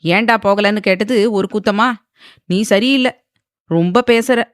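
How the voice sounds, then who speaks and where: A woman's voice: mid-range voice, a little slow, dry recording, lightly acted. A fond but bossy grandmother who scolds with a wry, joking edge, as a woman reading an audio novel puts her on. Her voice comes through dry and close. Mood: teasing.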